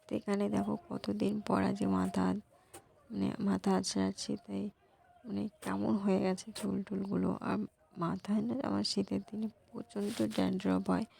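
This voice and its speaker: Hoarse, gravelly young woman vlogging softly. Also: level tone, normal speed. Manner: soft, low-volume talk. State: hoarse, voice gone from a cold. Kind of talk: casual vlog talk to viewers.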